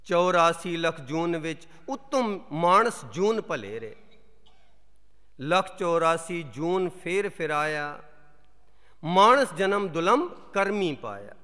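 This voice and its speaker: A man giving a sermon, reciting scripture verses in a slow chant and explaining them between the verses. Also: fairly high pitch, pushed and bright, clear, resonant tone. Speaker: Sikh preacher. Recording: long hall reverb.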